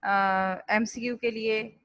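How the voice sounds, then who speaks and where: A woman teacher works through a lesson, saying each word twice and spelling out its vowel marks at a slow, drilled pace. Her pitch stays level and even throughout. The recording is dry and close, with no room sound. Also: creaky, no echo, poor audio. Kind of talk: classroom lesson, reading word lists aloud.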